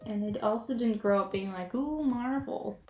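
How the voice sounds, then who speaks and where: A woman's voice: mid-range voice, moderate pace, reverberant, highs cut off, soft background music. A young woman hosting a casual video chat, talking in a chatty, giggly way with lots of "like" fillers, recorded by a camera mic a few feet away in a small room. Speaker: host. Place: small indoor room with a decorated table.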